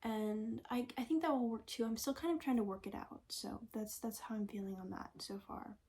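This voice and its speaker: A young woman talking in a casual, reflective vlog, soft-spoken and often slipping into a breathy half-whisper as she thinks aloud. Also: on the high side, a little fast, a little hiss or hum. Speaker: vlogger.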